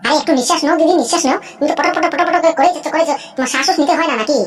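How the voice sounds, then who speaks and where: A woman's voice: high-pitched, rapid-fire, roomy sound, faint music behind, lightly acted. A woman voicing a cheeky cartoon younger sister. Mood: teasing. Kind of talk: cartoon voice acting.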